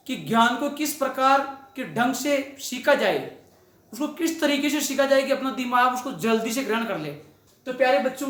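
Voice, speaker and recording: High-pitched man teaching in an echoey room. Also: a bit bright. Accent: Indian English. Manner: addresses students fondly, repeats words slowly for drill. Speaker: English teacher. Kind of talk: grammar lesson.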